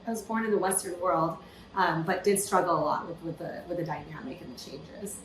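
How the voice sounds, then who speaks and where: Lowish and fairly quick, her voice carries lively, filler-heavy storytelling, with frequent "you know"s, in a casual podcast interview. She's a California entrepreneur, and the rough, reverberant recording has a slight background hiss.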